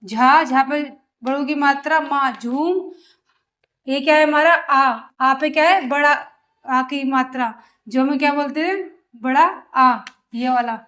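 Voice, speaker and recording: Lady teacher, high voice, sounding out words slow for kids, lots of "what does it make?" questions. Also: fairly bright tone. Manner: sounds out syllables, then blends them into words; asks rhetorical questions of the learners. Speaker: Hindi teacher. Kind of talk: slow syllable-by-syllable reading lesson for children.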